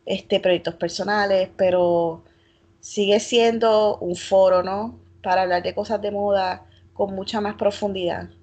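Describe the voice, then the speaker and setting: A Puerto Rican fashion blogger in her thirties, with a Puerto Rican Spanish accent, reflects as a guest in a casual interview, using lots of fillers and hedging. Her medium-pitched voice is darkish, fairly even, and measured in pace.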